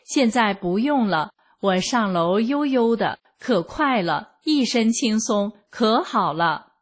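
A woman narrates a personal testimony in a slow, deliberate reading. Her voice is soft and breathy, with an earnest, measured delivery. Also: a little high, expressive. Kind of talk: scripted first-person narration.

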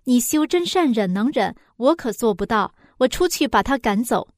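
A woman's voice: on the high side, animated, moderate pace, dry recording, close to an everyday voice. A woman reading the lines of a blunt, exasperated daughter-in-law in a story, with dry sound. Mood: annoyed. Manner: scolding, blunt.

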